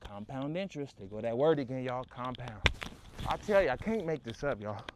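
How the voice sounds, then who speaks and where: A man's voice: medium pitch, expressive, fairly quick, background noise. A man talking while working out, rambling and preaching in slangy street talk, winded from exercise. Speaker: fitness vlogger. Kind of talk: workout vlog monologue.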